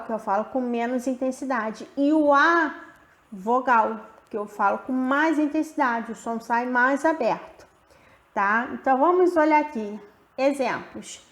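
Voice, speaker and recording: Slow, echoey woman teaching. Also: high-pitched. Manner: slow, drawn-out, stretching example words. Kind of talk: grammar lesson. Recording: roomy echo.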